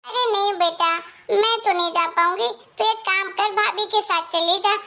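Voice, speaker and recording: A woman's voice: extremely high pitch, fairly even intonation, moderate pace, bright, forceful tone, heavily acted. A woman voicing a doting, indulgent older mother and mother-in-law who soothes her daughter, in a Hindi moral story cartoon.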